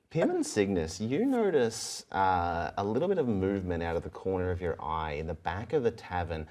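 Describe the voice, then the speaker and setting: A man narrating a tabletop game as game master, telling the story in a halting, conversational way. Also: deep voice, big pitch swings, darkish tone.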